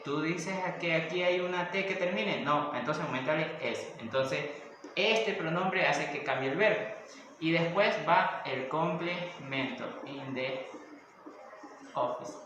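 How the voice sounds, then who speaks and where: A man teaching English grammar explains things one step at a time and keeps checking in with questions during a recorded classroom lesson. His voice sits on the high side with a sharp tone, and the echoey room carries faint noise.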